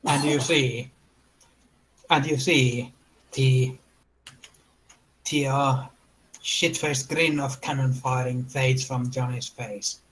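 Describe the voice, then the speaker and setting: A man's voice: medium pitch, fairly even intonation, takes it slowly, long pauses, a bit bright, slight background noise, poor audio. A man running a tabletop game as game master, narrating the fight and adding spoken sound effects.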